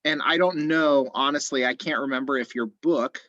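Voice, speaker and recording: A man teaching an online chemistry class, explaining step by step in a relaxed way, thinking aloud. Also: mid-range voice, normal speed, no room sound, highs cut off.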